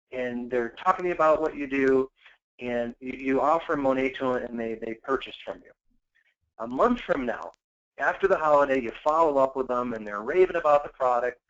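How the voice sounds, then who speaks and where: Upbeat man coaching on a lo-fi call. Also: mid-range voice. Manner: energetic, coaching, acts out quoted customers. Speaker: sales trainer. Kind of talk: webinar training talk. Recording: dull lo-fi call audio.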